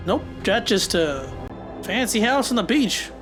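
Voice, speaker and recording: A young man hosting a reaction video, talking back to the screen with quick asides and laughs. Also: high voice, big pitch swings, music in the background. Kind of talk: casual reaction commentary.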